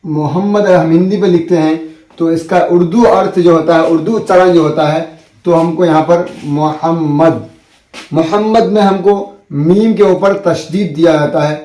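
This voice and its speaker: A man teaching a basic script lesson, explaining patiently and repeating each point with drawn-out letter sounds. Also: a little high, fairly even intonation, dark tone, reverberant, low-quality recording. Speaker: Urdu teacher.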